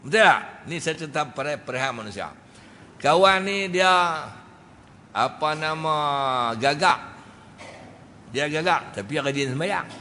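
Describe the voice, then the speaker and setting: A man with a Kedah Malay accent giving a mosque lecture, lively and joking, often asking his audience questions. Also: on the high side, unhurried, pauses often. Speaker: religious teacher. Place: mosque hall. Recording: reverberant mosque hall, faint noise.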